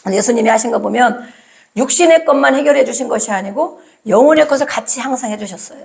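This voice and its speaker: A woman's voice: on the high side, fast, vocal fry, a little mellow. A woman preaching a sermon, often asking the congregation questions and acting out cries.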